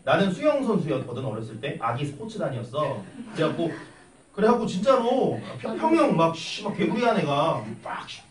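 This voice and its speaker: A young man teaching math in a classroom, chatty and animated, telling stories and tossing questions at his students. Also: on the high side, a little fast. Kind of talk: classroom lecture with storytelling. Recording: echoey classroom from a distance with faint noise.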